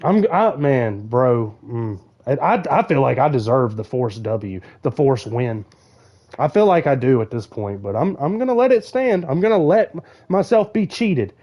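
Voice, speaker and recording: A man's voice: medium pitch, big pitch swings, moderate pace, highs cut off. A young man, streaming a video game and ranting angrily with constant swearing. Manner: angry swearing rant, frustrated. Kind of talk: live game-stream commentary.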